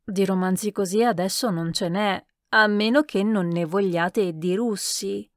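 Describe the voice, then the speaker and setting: A woman's voice: mid-range voice, measured pace, no echo, clean studio sound, natural voice. A woman voicing a light, teasing young male officer in a read-aloud novel.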